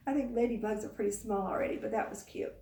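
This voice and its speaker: With a slightly high, mellow voice and a brisk delivery, a woman hosts children's storytime, questioning the little ones and coaxing them along in a sing-song manner. A distant microphone gives the recording a roomy echo.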